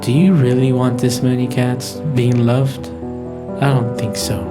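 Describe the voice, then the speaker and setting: A man voicing a smug, salesy announcer in a mock radio ad, with a deadpan pitchman delivery. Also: measured pace, close to an everyday voice. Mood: mock-serious. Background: loud guitar music.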